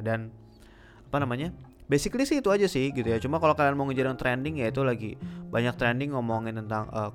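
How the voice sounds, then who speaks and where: Young man, Jakarta slang, podcast host, rapid chatty delivery, lots of fillers, faint guitar music behind. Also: mid-range voice. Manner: fast talker, many filler sounds. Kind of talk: casual solo podcast advice.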